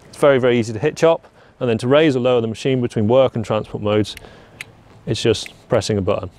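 A man's voice: medium pitch, quick pace, a little mellow. Young man, product walkaround, outdoor lawn, lapel mic, plain practical delivery. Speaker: product presenter.

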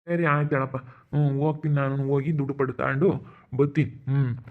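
A man's voice: mid-range voice, level tone, a little fast, narrow, tinny audio, lightly acted. A man playing a visiting villager who earnestly asks for a cow, with a rural Hiriyur accent. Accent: Hiriyur rural Kannada.

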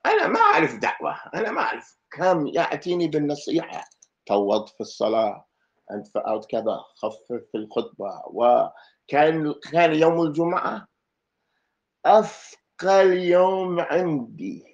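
Brief: male mosque teacher, high and animated, joking lesson, echoey hall. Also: vocal fry, dull audio. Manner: playful, mixing Arabic and English, laughing asides.

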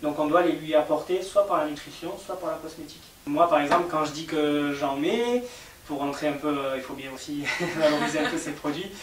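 A French-accented man explains things patiently and step by step, leaning on fillers as he goes. His voice sits a little high, and he sounds distant from the mic in an echoey room with a faint hiss under it. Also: a little fast. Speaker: cosmetics maker interviewed. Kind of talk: explanatory interview talk.

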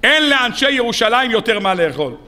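High, bright-voiced rabbi giving a sermon. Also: male voice. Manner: animated storytelling with rhetorical questions.

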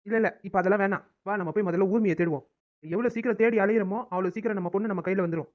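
Man as a practical young brother, rapid delivery, muffled lo-fi track. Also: high voice, lightly acted. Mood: urgent. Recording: dull, lo-fi recording.

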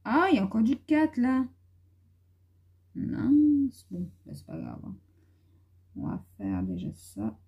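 A woman with a young son colors at home on camera for her YouTube channel, chatting casually and rambling with lots of fillers. Her voice sits on the high side and swoops wildly in pitch, and she talks slowly with frequent pauses. It sounds slightly rough, and the audio is dull.

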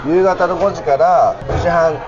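A man's voice: fairly high pitch, steady tone, a little slow. A young man hosting a casual chat over drinks in a campy, effeminate way of talking. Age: young adult. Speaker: video host. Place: restaurant table, indoors. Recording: dull sound, restaurant chatter.

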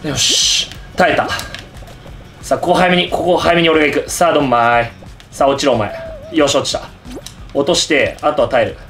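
A man hosting excited game commentary, yelling at his teammates and the game. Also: a little high, normal speed, music in the background. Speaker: gaming channel host.

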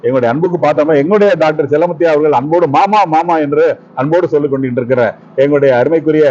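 A man hosts a local TV broadcast, rattling off introductions and thanks at a fast clip. His voice sits a bit high and mellow, and the recording is dull and lo-fi. He sounds effusive throughout. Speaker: TV host. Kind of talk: live event commentary.

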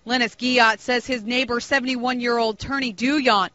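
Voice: medium pitch, steady tone, normal speed, sharp tone, no echo, muffled recording. A reporter reading scripted news narration for a television package.

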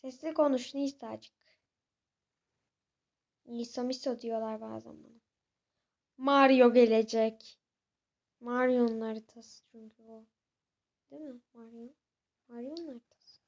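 A woman's voice: a little high, steady tone, moderate pace, creaky, pauses often, a little mellow, highs cut off. A young woman hosting a horror game let's-play, chatting with viewers and jumping at scares. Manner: chatty, jumpy, talks to viewers. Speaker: gaming channel host.

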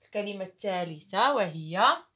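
A woman teaching Arabic writing to children, slowly calling out each syllable and praising often. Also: mid-range voice, expressive, slightly rough. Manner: slow, deliberate, calls out each syllable loudly.

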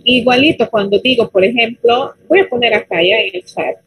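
A woman teaching an online English class in Spanish, modeling English words slowly and checking whether the students follow. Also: on the high side, a bit bright, slightly rough, poor audio.

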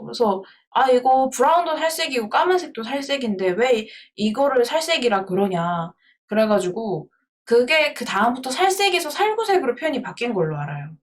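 A giggly woman streamer chatting casually with her viewers, her voice leaping high and low as she talks. She sits a little high for a woman and sounds playful and chatty throughout. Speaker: live streamer. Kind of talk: casual livestream chat.

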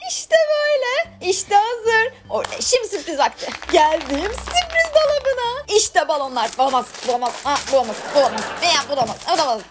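A woman's voice: very high voice, very animated, brisk, few pauses. A woman narrating a playful toy story as a vlogger.

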